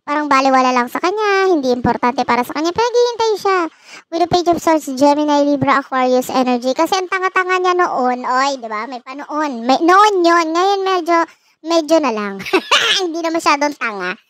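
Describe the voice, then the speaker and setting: Woman tarot host, high-voiced, playful and teasing, close dry recording. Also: expressive, moderate pace, a bit bright, dry recording. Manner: playful, teasing, laughs often. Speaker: tarot reader and channel host. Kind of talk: casual tarot reading.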